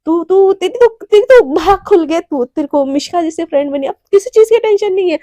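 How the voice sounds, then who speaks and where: A woman's voice: very high voice, expressive, fairly quick, mellow, dry recording. Woman doing a dramatic chatty college girl. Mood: boastful. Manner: dramatic, rambling, exclamatory.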